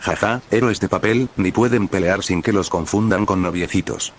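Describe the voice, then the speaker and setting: Man doing a scornful young male villain, mocking, low-voiced, faint hiss behind. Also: moderate pace, lightly acted. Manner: mocking, dismissive.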